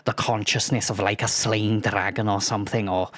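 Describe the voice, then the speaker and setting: A man's voice: on the low side, level tone, moderate pace, slight background noise. A man playing a blunt, swearing skeleton shopkeeper. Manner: casual, blunt, swearing freely. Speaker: player voicing an undead skeleton shopkeeper. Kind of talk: in-character tabletop role-play.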